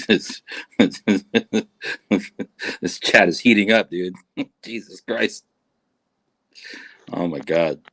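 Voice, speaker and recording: A man with a very deep voice joins a livestream as a guest, trading laid-back banter. His voice sounds dry and close, with no room around it. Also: extremely slow, long pauses, a bit bright, slightly rough, dry recording. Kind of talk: casual livestream chat.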